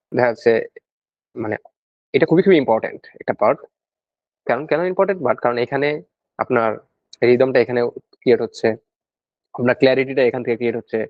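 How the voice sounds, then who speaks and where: A man's voice: medium pitch, no echo. Man, exam tutor, casual lesson, repeats key points, dry close sound, dull lo-fi audio. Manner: explains step by step, repeats points, mixes in English terms.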